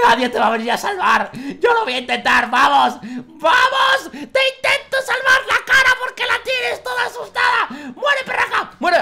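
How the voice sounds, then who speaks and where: A young man with a Spain Spanish accent giving excitable let's-play commentary, bursting into shouts and laughter. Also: very high-pitched. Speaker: gaming YouTuber.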